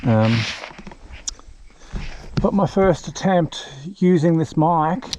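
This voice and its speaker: A man chatting casually and haltingly as he rides a motorbike, recorded on a lav mic inside his helmet with wind on the mic. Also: a little high, lively intonation. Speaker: motovlogger. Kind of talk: casual rambling vlog while riding a motorbike. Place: outdoors, riding a motorbike on gravel road. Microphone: lav mic with deadcat inside helmet cheek pad. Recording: dull lav mic, loud engine and wind noise. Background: loud motorbike and wind noise.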